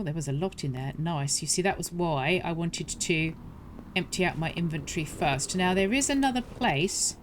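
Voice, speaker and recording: Lower-pitched woman doing a chatty game walkthrough, explains each step, corrects herself as she goes, faint noise behind. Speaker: gaming channel host.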